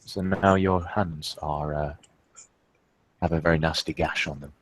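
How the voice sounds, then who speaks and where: A man running a tabletop role-playing game as storyteller, explaining rolls with many pauses and fillers. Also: very deep voice, fairly even intonation, slight background noise. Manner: hesitant, lots of fillers.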